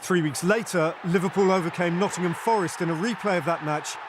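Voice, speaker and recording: Higher-voiced male documentary narrator. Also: music in the background. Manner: measured, formal delivery. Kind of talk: scripted narration.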